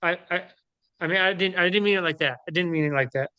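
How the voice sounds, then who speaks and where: Guy on a group call, stutters and repeats himself a lot, smooth clear voice, dry. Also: sits high, quick pace, sharp tone, no room sound, dull audio. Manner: rambling, stammering, repeats words. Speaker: meetup participant. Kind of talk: casual chat on a group call.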